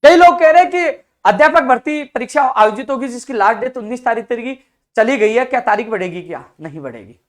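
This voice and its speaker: A man's voice: very high voice, brisk. Fervent man firing rhetorical questions. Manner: fervent, rhetorical questions, swings between soft and loud. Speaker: youth activist addressing job aspirants. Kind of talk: impassioned advocacy video.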